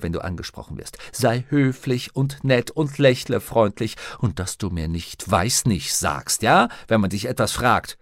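A man's voice: medium pitch, no echo, natural voice. A male audiobook reader voicing a strict, nagging middle-aged housekeeper woman in a dry, close recording. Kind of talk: audiobook reading.

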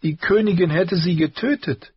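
A man voicing a stubborn, tearful young girl in an audiobook, speaking in a high, strained, husky voice with rushed outbursts. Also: no echo, muffled recording. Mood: ashamed. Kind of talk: audiobook character voice.

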